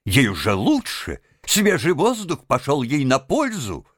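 A kindly gentleman motorist , as a man reading the book plays him, fusses in hearty exclamations that leap around in pitch. The recording is close and dry. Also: huge pitch swings, measured pace, dry recording.

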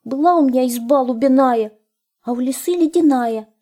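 A woman voicing a timid little male hare who pleads and laments in a high, plaintive voice. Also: moderate pace, dark tone. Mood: lamenting.

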